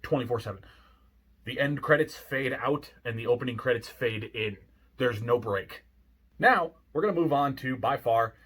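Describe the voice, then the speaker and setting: A man with a grumpy, cynical, sarcastic manner, telling stories casually as a video host, with deadpan asides and swearing. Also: mid-range voice, slightly rough. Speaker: host of a ghost story video. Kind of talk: casual storytelling monologue to camera.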